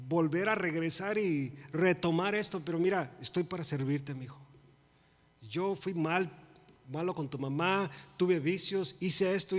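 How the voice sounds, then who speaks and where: A man in his forties preaching a sermon, swinging from loud emphasis to hushed pleas and dropping English phrases into his Spanish. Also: high voice, big-room sound. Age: 40s. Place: church sanctuary.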